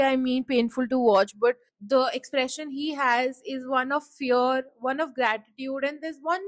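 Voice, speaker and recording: A woman's voice: sits high, no room sound. A woman hosting a solo podcast, talking in a reflective, rambling way with many fillers and her voice choking up with emotion. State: choked up, close to tears. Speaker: podcast host. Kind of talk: casual solo podcast talk.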